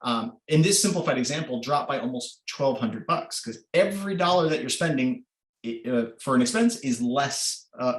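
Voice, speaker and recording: A man presenting an online workshop, explaining informally with many filler sounds over a video call. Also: mid-range voice. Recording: roomy echo.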